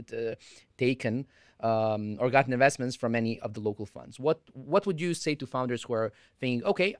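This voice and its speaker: A man's voice: medium pitch, a bit bright, clean tone, no echo, studio quality. A man hosting a podcast interview, asking long conversational questions. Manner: conversational, rambling questions with restarts. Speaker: podcast host.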